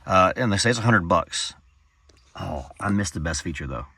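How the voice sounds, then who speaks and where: A low-pitched man talks through a casual product review. He is informal and folksy, rambling along as if chatting with fellow hobbyists. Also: expressive, moderate pace, pushed and bright, husky, dry recording.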